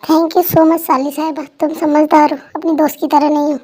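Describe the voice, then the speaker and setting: A woman's voice: sits high, little pitch movement, normal speed, a little mellow, lightly acted. A woman voicing a young husband who whines and complains like a child, in a fan story role-play. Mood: whiny. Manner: whiny and complaining.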